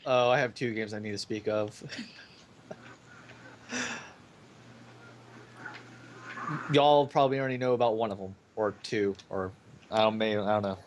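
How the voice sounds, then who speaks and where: A man hosting a casual gaming podcast in a relaxed, laid-back way. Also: on the low side, slow, long pauses, a little hiss or hum.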